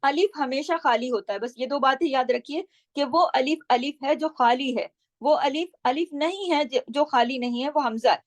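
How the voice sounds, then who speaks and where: A woman teaching Quran recitation rules, patiently explaining and slowly repeating syllables to model each sound. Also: sits high, no echo. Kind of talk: tajweed lesson, explaining pronunciation.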